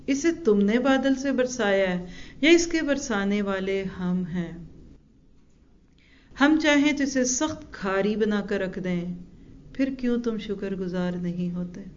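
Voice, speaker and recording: A woman gives a religious lesson and keeps putting rhetorical questions to her listeners. She slows down to recite Arabic verses with care. The recording sounds a little dull and lo-fi. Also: medium pitch, a little hiss or hum. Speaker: Quran teacher.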